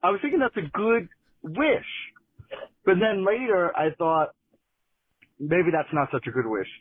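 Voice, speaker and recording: A man's voice: sits high, lively intonation, measured pace, breathy edge, no room sound. A man leaving a long, rambling voicemail for a show, heard over a phone line. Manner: rambling, meandering. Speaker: caller. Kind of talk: casual voicemail.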